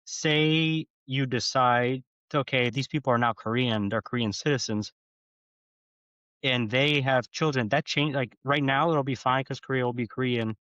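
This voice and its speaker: A man from the United States speaks as a podcast guest in casual conversation, opinionated and often checking in with "right?". His voice is mid-range with fairly even intonation, a little slow, and fairly bright in tone. The sound is lo-fi with no echo.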